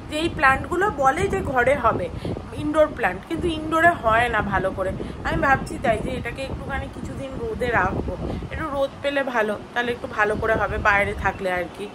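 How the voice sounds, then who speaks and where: A woman's voice: fairly high pitch, background noise. Chatty woman vlogging her home chores. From West Bengal. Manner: chatty, talking to viewers while doing chores. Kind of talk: casual daily-life vlog narration. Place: home, indoors.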